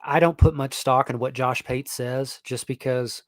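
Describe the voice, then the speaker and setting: Unhurried and nasal, this young sports streamer keeps his pitch even and in the middle range while chatting casually. His talk wanders, full of fillers and false starts. He's recorded dry on a close mic, with no echo and no sense of the room.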